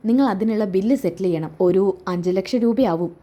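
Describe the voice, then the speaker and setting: A woman voicing a matter-of-fact male doctor who speaks in a flat, businesslike way. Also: mid-range voice, fast, pitched below the performer's own voice, close to an everyday voice.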